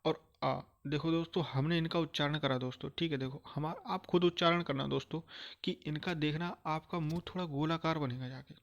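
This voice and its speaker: A man teaching a grammar lesson, repeating phrases patiently and slowly sounding out each vowel for his listeners. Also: fairly high pitch, dull audio. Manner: repetitive, calls listeners "friends", checks understanding often.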